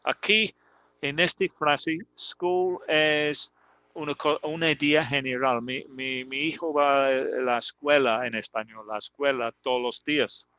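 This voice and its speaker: A man teaching in on a live stream, explaining slowly and patiently with many fillers. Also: mid-range voice, steady tone, bright, forceful tone, clean tone, no room sound, poor audio. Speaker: English teacher. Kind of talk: live online English lesson in Spanish.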